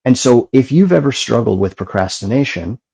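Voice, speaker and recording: A middle-aged man, a meditation teacher, guiding breathing in a slow, calm way and then explaining the practice. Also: medium pitch, gravelly, slightly rough, rough recording. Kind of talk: guided meditation and talk.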